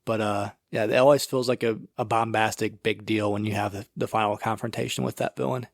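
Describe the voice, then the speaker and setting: Give me a man in casual podcast chat, quick and rambling, a bit low. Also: vocal fry, no room sound, clean studio sound. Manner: relaxed, rambling with fillers. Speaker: podcast co-host.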